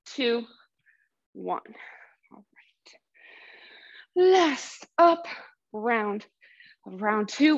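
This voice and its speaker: A woman's voice: high voice, fairly bright tone, lo-fi sound. A woman fitness coach giving workout cues and counting down sets, a little out of breath. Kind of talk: workout instruction. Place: exercise space.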